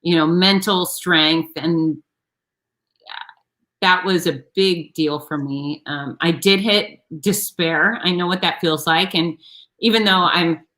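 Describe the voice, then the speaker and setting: A woman's voice: lowish voice, slow pace, a bit bright, rough recording. A woman being interviewed as an author, telling her story frankly and expressively, often restarting her sentences.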